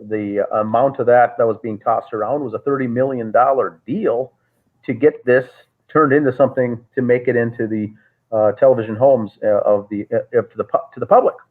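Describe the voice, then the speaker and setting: Over tinny, phone-like call audio, a male interview guest tells a long, rambling story full of "uh" fillers and restarts. His medium-pitched voice has fairly even intonation and a normal speed.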